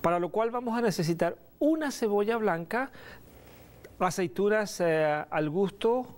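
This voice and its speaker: A middle-aged man presenting a recipe on a studio kitchen set, relaxed and pausing often with fillers. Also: high-pitched. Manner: relaxed, hesitant with many fillers. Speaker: cooking show host. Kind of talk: cooking demonstration.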